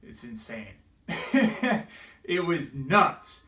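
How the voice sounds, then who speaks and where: A man's voice: fairly high pitch, sing-song, drawn-out words, sharp tone. A man telling an emotional personal story, tearful and laughing through it, his voice breaking. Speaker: vlogger. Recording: roomy echo, distant from mic.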